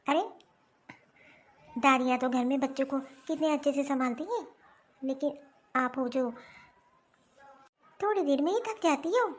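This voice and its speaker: Bossy young daughter-in-law, scolding and dismissive, high voice. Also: female voice, measured pace, pauses often. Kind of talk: Hindi cartoon dialogue.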